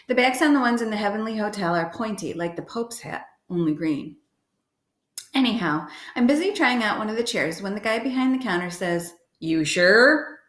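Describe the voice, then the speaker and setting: A woman's voice: mid-range voice, roomy sound. A woman reading the first chapter of a children's novel aloud, giving short voices to the characters. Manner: lively storytelling with brief voices for characters. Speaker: reader.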